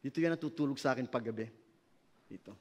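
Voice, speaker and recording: A middle-aged man with a Filipino accent, preaching a sermon as pastor and switching between Tagalog and English, loud at his peaks and soft when telling stories. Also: medium pitch, fast.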